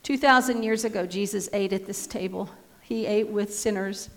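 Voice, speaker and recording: A woman pastor leading a communion liturgy in a solemn, measured way, her voice ringing with a cathedral echo in a church sanctuary. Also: mid-range voice. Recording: long church reverb.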